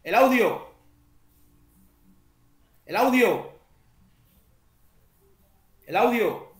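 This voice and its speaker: A man's voice: very high voice, expressive, extremely slow. A middle-aged man hosting an online panel discussion over a video call from a small tiled room, talking conversationally and groping for names. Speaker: host. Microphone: headset on a video call. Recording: echoey room, far from the mic.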